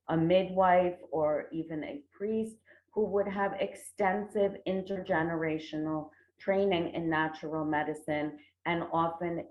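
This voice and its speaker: Presenting online from an indoor room, this deep-voiced, middle-aged researcher of traditional medicine from the United States addresses an academic conference formally. She chooses her words with care and pauses, coming through roomy, thin, phone-like call audio.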